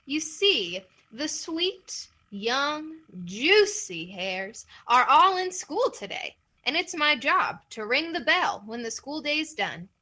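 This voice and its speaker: A woman's voice: high voice, very animated, takes it slowly, hardly any pauses, bright, forceful tone, voice pushed up, full character voice. A woman voicing a scrawny, sly old male hare who talks sweetly and innocently to trick a coyote. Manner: sweet, innocent-sounding, cunning.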